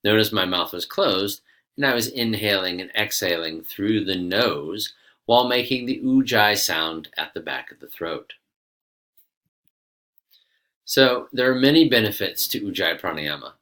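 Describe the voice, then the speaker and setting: Male yoga instructor, very low pitch with a crisp forceful edge, methodical and instructional. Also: lively intonation, normal speed. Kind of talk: instructional explanation with guided counting.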